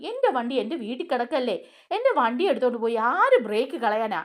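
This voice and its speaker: A stern family man scolding a younger relative, as a woman storyteller voices him. Delivered high with wide, lively swings of pitch. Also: quick pace.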